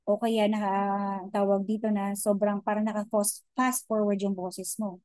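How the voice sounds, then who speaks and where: Woman lecturing online, dark warm voice, chatty taglish, lots of okay? and um. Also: mid-range voice, level tone, moderate pace, dry recording, low-quality recording. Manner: chatty Taglish, frequent "okay?" and "di ba?" check-ins; many hesitations and restarts.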